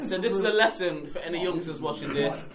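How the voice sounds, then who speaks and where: A man's voice: on the high side, fast, roomy sound, far from the mic. A man in casual banter, teasing by repeating questions and phrases. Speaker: podcast panellist. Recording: very loud overlapping group chatter.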